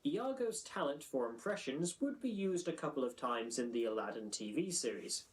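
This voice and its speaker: A man's voice: medium pitch, animated, moderate pace, noisy background. A man delivering scripted comedic review narration in a wry, sarcastic, wordy manner. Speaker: video essay narrator.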